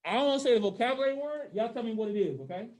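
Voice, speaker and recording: Speaking very fast through a face mask, a man with a very high, expressive, slightly mellow voice teaches high school social studies to a class present in the room and online. The mask muffles him a bit, and he keeps things informal, frequently checking that students follow.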